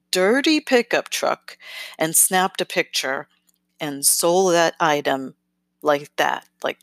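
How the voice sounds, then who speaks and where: A woman hosting a podcast, giving casual advice in a chatty, self-correcting way and often checking in with "okay?", with lively, sing-songy emphasis. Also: low voice, creaky, no echo. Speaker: podcast host.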